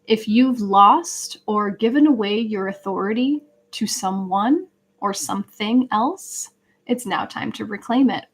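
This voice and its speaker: Her voice is medium-pitched and slightly rough, and she talks at a measured pace. She's a live tarot reader hosting a laid-back stream, conversing sincerely with listeners and reading them messages from the cards.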